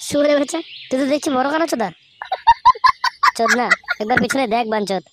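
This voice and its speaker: A woman's voice: high-pitched, animated, heavy background noise. Woman voicing a foul-mouthed scheming milkman. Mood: crude. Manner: fast crude cursing. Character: foul-mouthed scheming male milk seller. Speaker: cartoon voice performer.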